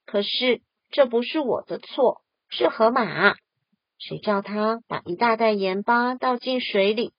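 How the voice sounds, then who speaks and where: A woman voicing a big elephant in a storybook, talking slow and apologetic. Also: a little high, no room sound, muffled recording. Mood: sheepish.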